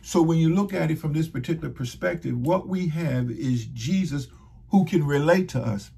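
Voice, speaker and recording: A middle-aged man preaches in a gravelly, husky voice. He teaches a Bible study at a measured pace and drops to a slower, deliberate delivery whenever he reads scripture aloud. He keeps adding short "praise God" interjections between his points. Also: fairly high pitch, warm tone. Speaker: pastor.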